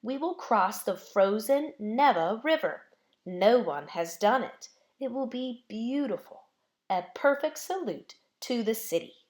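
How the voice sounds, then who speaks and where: Here the same storybook role, a seasoned male tightrope artist and patient, earnest teacher given to instructive declarations, is voiced by a woman with pride. Her delivery is expressive, a little slow and a little mellow.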